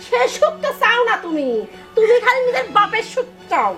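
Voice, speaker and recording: A woman's voice: very high voice, big pitch swings, a little fast, bright, forceful tone, faint music behind, exaggerated voice. An actress playing a greedy, cruel mother-in-law who threatens and scolds her son's wife. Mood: scolding.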